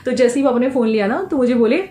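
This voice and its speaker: Vlogger, woman, 30s, from India: chatty and emotional, higher voice, echoey home room, faint hiss. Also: racing. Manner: excited, emotional, chatty, mixes in English phrases. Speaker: daily vlogger. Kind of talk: casual vlog talk to camera. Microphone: handheld vlogging camera.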